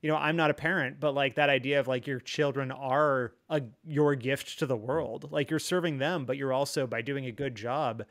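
A man's voice: medium pitch, moderate pace, hardly any pauses, a bit bright. A man speaking as a podcast guest, telling a personal story candidly, rambling and earnest with many fillers like "like" and "you know.". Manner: rambling, filler-heavy, frequent 'like' and 'you know'; earnest and reflective. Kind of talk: candid conversational chat.

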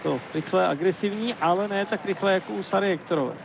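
A man giving live, measured ski race commentary, analytical and hesitating now and then. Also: high voice, vocal fry, background noise.

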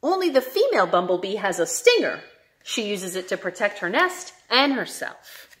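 This is a children's librarian, a young adult woman, reading at story time in a playful, sing-song way full of questions. Her pitch is medium and her pace moderate.

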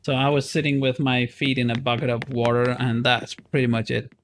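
He is in his forties, talking briskly in a mid-range voice with little pitch movement and slight background noise. Playing a game on a casual live stream, he chats playfully with viewers through a headset in a small room.

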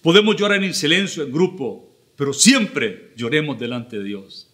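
A middle-aged man, preaching an earnest, measured sermon with pauses as pastor. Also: fairly high pitch, big pitch swings, bright, forceful tone. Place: church livestream.

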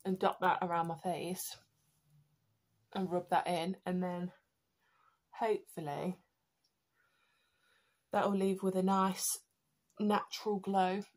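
A young British woman with a fairly low voice talks through her skincare routine at home. Her nose sounds slightly blocked. She chats loosely to camera with frequent ums and self-corrections. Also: flat delivery, takes it slowly, pauses often, darkish tone. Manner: chatty, many ums and restarts. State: stuffy nose. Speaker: beauty vlogger. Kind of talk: casual skincare tutorial.

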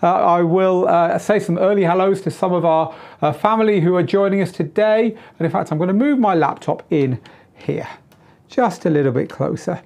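A middle-aged man with a tired, slightly hoarse voice that sits high, at normal speed and a darkish tone, hosts a live-streamed DJ Q&A as a DJ tutor. He's chatty, full of fillers and restarts, moving around and gesturing at equipment. He's on a lapel mic in a small home studio lined with shelves of gear.

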